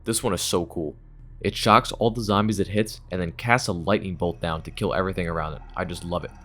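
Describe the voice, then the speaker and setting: A man's voice: low voice, fairly even intonation, brisk, a bit bright. A man hosting a gaming video, reading scripted retrospective narration in a casual, enthusiastic way.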